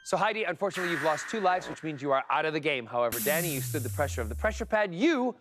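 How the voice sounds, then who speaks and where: A man's voice: a little high, lively intonation, rapid-fire, background noise. A man hosting a TV quiz show in a studio, upbeat and playful with the contestants. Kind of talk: lively game show hosting. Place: TV studio with live audience. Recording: broadcast studio with music and crowd. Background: music and studio crowd.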